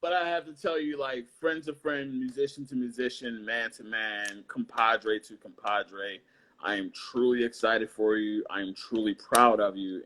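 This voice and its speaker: A man's voice: lowish voice, bright, forceful tone, slight background noise. A man hosting an interview podcast, talking casually and earnestly with his guest. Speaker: podcast host.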